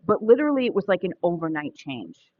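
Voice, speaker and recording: A woman's voice: fairly low pitch, sing-song, a little fast, no room sound, narrow, tinny audio. A woman in her forties talking candidly in a casual personal vlog, chatty and prone to restarting her sentences. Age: 40s. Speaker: vlogger.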